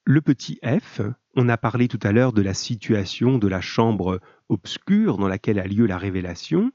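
A man's voice: fairly low pitch, very animated, normal speed, mellow. A man teaching a literature lesson, spelling out study questions and instructions step by step for his pupils. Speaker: middle school French literature teacher. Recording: dull, echoey room recording.

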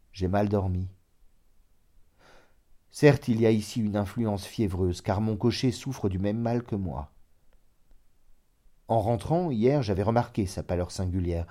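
A man reading a literary story aloud in a measured, dramatic narration. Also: on the low side, warm tone. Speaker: audiobook narrator.

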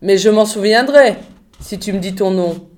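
A woman reading a storybook voices a bold teenage boy who talks calmly and with self-assurance. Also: medium pitch, normal speed, close to an everyday voice.

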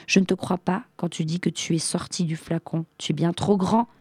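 A poor, quick-witted fisherman from a storybook, put on by a woman reader, speaking with sly scorn to outwit his captor. The tone is low and mellow, recorded dry and close. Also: fairly even intonation, husky, no room sound. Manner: sly, scornful toward the genie. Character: poor clever male fisherman, wary and cunning. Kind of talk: storybook reading.

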